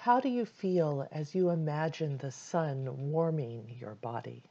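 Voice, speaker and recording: Woman meditation guide: low, very slow, soothing delivery, slightly muffled recording. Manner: calm, soothing, unhurried instructions with long pauses.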